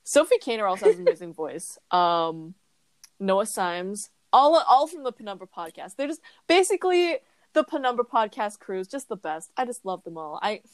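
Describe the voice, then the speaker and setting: A woman's voice: medium pitch, big pitch swings, moderate pace, no echo. Giggly gushing podcast woman, dry sound. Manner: giggly, gushing, lots of fillers. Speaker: podcast co-host. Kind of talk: casual chat.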